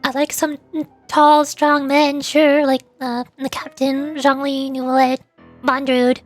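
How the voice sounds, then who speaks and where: A young woman streamer with a high, light voice chats casually with viewers during a live stream, her delivery flat. She rambles and hesitates, filling gaps with ums and uhs and restarting sentences, while faint music plays behind her.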